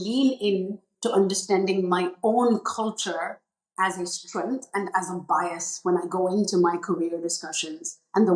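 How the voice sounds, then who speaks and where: A middle-aged woman from India hosts a reflective podcast. She talks in an earnest, measured way and lists her points in short phrases. Her voice carries a roomy echo. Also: lowish voice. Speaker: podcast host.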